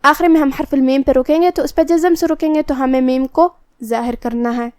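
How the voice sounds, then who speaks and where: A woman's voice: sits high, steady tone, a little mellow, no room sound, clean studio sound. A woman teaching Quran recitation, carefully explaining how each letter is pronounced, step by step. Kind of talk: tajweed pronunciation lesson.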